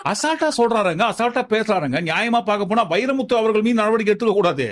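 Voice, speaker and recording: Fast, high-voiced sarcastic man. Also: lively intonation, background noise. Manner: sarcastic, rhetorical questions. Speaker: troll video narrator. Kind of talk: mocking commentary.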